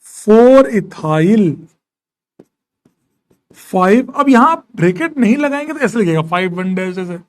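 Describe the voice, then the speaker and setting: In a live online chemistry class, a man with a voice well above most men's pitch counts atom numbers aloud and mixes English terms into his speech. He reads student questions and answers them, teasing and jokingly scolding the class, with lively intonation, a quick pace and few pauses.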